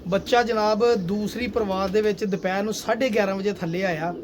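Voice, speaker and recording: A man's voice: high voice, steady tone, brisk, noisy background. A man talks casually to viewers while showing his pigeons, chatty and boastful, calling them brother and sir. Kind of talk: casual vlog talk to viewers. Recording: faint pigeon coos and outdoor ambience. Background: pigeons cooing.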